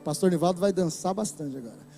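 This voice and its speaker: A man with a Brazilian Portuguese accent preaching a sermon to a church, impassioned and breaking into shouts. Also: high voice, lively intonation, quick pace, vocal fry, soft background music. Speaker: pastor. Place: church hall.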